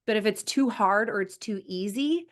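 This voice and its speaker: A woman in her thirties, a coach talking on a podcast in a lively, chatty way and acting out the voices of people she quotes. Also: mid-range voice, normal speed. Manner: animated storyteller, acts out quoted voices. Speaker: sports psychology coach, podcast guest. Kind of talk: casual podcast conversation.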